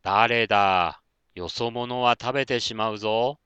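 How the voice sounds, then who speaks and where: A man voicing a large snake in a children's story, slow and drawn-out. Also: mid-range voice, bright, forceful tone, smooth, no room sound, dull audio. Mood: menacing. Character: big snake, gruff at first, then kindly.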